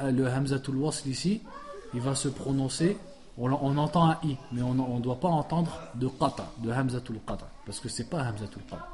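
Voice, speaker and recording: Guy teaching a class, explains slowly, keeps checking if everyone got it. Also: medium pitch, darkish tone. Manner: explains patiently, asks the class questions. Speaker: Islamic studies teacher. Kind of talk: classroom lesson, reading and explaining.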